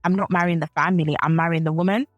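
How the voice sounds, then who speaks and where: A lowish, steady female voice talks rapid-fire in a muffled recording with no room sound and faint music. She's a Zambian co-host of a faith and relationships podcast, chatting thoughtfully and often restarting or correcting herself.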